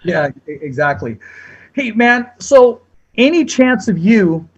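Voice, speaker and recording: High-voiced, husky man hosting a casual chat. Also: very animated, slow pace, muffled recording. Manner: informal, conversational, complimentary. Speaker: interviewer, host.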